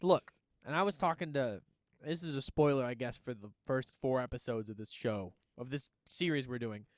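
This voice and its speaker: A man's voice: mid-range voice, moderate pace, no room sound, clean studio sound. A man co-hosting a casual horror podcast, talking in a playfully grumpy way and swearing a lot. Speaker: podcast co-host. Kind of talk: casual chat.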